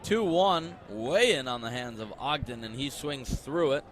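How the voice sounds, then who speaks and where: A young American man calls play-by-play sports on live radio, his mid-range, fairly bright voice expressive and unhurried. He keeps it conversational, stretching out words on the big calls.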